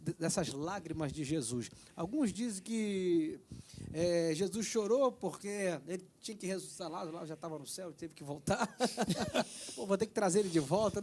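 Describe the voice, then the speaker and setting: Husky high-voiced male TV host. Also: darkish tone. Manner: chatty, promotional, jokes lightly. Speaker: TV show host. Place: TV studio.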